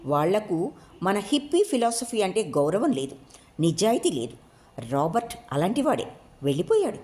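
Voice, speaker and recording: A woman's voice: medium pitch, sing-song, moderate pace, a little mellow, lightly acted. A woman reading a story, voicing a self-assured male hippie who lectures in a matter-of-fact way. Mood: lecturing.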